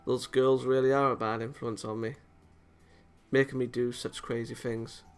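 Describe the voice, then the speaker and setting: Reading a visual novel aloud with drama and spontaneous reactions, a man occasionally stumbles over words and rereads them. His mid-range voice is clear and resonant, though his delivery is flat, at a moderate pace. Soft music plays in the background.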